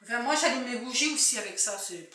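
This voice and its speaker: A bright, chatty woman in her fifties with a Picard French accent talks a little high as she wanders through a shopping haul, restarting her sentences as she goes. The recording is roomy and echoey, with the mic set at a distance and a faint hiss underneath. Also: lively intonation, fast. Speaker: vlogger. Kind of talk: casual shopping-haul chat.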